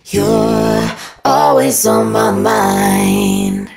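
Give me a woman's sung line, formant shifted down into a slow, growling, gravelly monster voice. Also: big pitch swings, over loud music. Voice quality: gravelly, glitchy, buzzing. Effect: formant and pitch shifted far down into a deep monster voice. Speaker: demo vocal sample. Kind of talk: repeated sung vocal sample demo.

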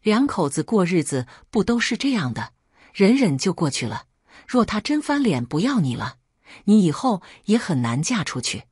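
A woman's voice: medium pitch, big pitch swings, normal speed, a little mellow, husky, dry recording, studio quality. A woman reading the lines of a sorrowful, coaxing middle-aged mother in a spoken story.

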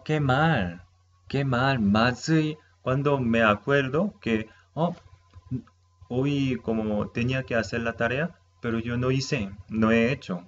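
A man whose first language is Japanese, teaching a slow language lesson in Spanish. He talks patiently, repeating each word and checking in with the listener. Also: mid-range voice. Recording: slightly dull with faint ambient noise.

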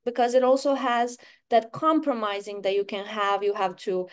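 A young woman from Croatia talks through a video call in a smooth, clear voice pitched a little high. She chats easily, filling gaps with "uh" and little laughs. English is not her first language. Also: fairly even intonation, normal speed. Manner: chatty, laughs often, many fillers and restarts. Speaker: interview guest, UX UI designer. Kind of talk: casual video-call interview. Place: bright room at home, indoors. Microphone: webcam on a video call.

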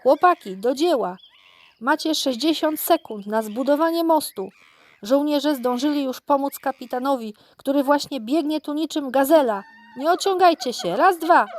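A woman voicing a giant ape who commands other apes in a children's audiobook, loud, urgent and raised in pitch. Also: normal speed, no echo, close to an everyday voice. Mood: commanding. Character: giant bossy ape giving orders.

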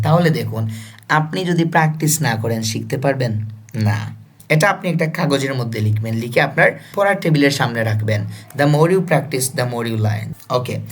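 A man from Bangladesh teaching an IELTS speaking lesson in Bengali, coaxing and repetitive, reading English examples slowly. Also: medium pitch. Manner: repetitive, coaxing, often asks "ঠিক আছে?". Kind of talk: video lesson.

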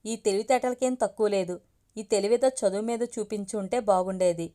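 A woman's voice: medium pitch, a little fast, dark tone, lightly acted. A woman voicing a stern, practical middle-aged mother in a narrated family story. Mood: scolding.

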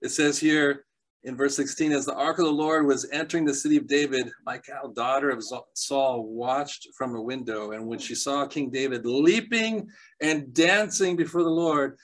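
Animated husky-voiced male preacher. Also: mid-range voice, moderate pace, low-quality recording. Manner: animated storyteller, laughs often, jumps between loud excitement and quiet asides. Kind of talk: sermon.

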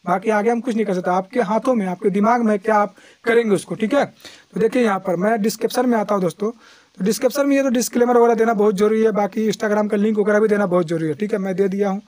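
Fast-talking high-voiced man teaching. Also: fairly even intonation, a little mellow, no echo. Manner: chatty, repeats fillers, frequent restarts. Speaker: YouTube tutorial host. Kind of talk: casual screen-recorded tutorial. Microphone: lapel mic.

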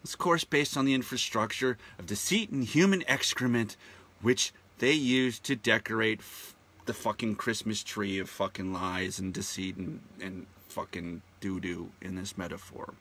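A man's voice: lowish voice, moderate pace, fairly bright tone. A man hosting his own show, delivering a profane, indignant and sarcastic ranting monologue that hammers its words through repetition. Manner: repeats words heavily for emphasis. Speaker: show host.

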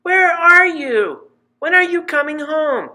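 A man voicing excited six-year-old twin girls who squeal their questions in a storybook reading. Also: very high-pitched, slow pace, pitched above the performer's own voice, full character voice. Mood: excited, eager.

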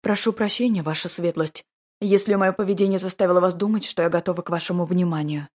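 A woman voicing a flustered young noblewoman who pleads breathlessly and breaks into sharp cries, read with a slightly husky voice. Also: fairly low pitch, fast talker, close to an everyday voice. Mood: restrained.

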